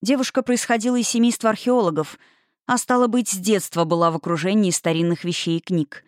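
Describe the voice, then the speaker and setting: A woman reads an audiobook aloud in an expressive storytelling manner. Her voice sits at a middling pitch. The recording is close and dry, with no room sound. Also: fairly quick, no room sound. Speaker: audiobook narrator. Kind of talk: audiobook narration.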